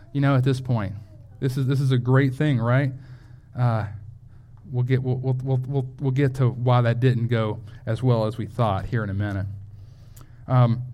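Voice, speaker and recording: A man's voice: medium pitch, dark tone. A man teaching a Bible lesson in a loose, conversational sermon style, often restarting his phrases as he thinks aloud.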